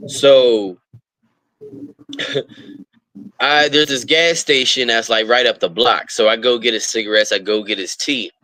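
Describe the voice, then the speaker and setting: A man with a bright, forceful voice talks easily as an interview guest. He is a rapper who tells long, winding stories full of fillers and little restarts, at a middling pitch. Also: a little slow, pauses often, dry recording, poor audio. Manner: rambling storyteller with many fillers. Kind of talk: casual interview chat.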